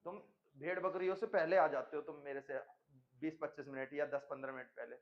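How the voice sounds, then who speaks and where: A man's voice: fairly high pitch, a little fast, dull audio. A man teaching a chemistry class in a stern lecturing manner, mixing English terms into his speech. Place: coaching classroom.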